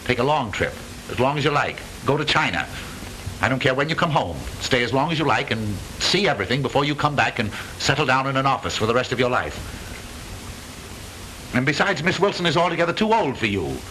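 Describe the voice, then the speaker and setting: A man's voice: medium pitch, sing-song, bright, forceful tone, rough recording. Stagey, blustering old-movie father. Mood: firm, fatherly. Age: middle-aged. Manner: stagey old movie actor delivery, blustering, halting repetitions. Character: blustering, lonesome widowed father, flustered businessman. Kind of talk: stagey 1920s early-talkie comedy film acting. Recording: hissy 1920s film soundtrack.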